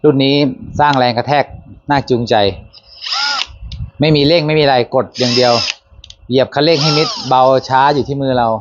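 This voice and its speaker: A man's voice: mid-range voice, normal speed, long pauses, noisy background. Chatty man with dull lo-fi sound. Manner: relaxed, chatty, with fillers and self-corrections. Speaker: handyman channel host. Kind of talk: casual demo talk. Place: workshop or garden.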